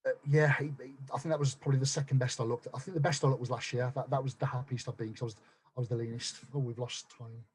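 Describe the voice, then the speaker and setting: A man telling his story as a guest on a podcast, blunt and quick to swear, tripping over restarts. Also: medium pitch, steady tone, slightly rough. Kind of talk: casual chat.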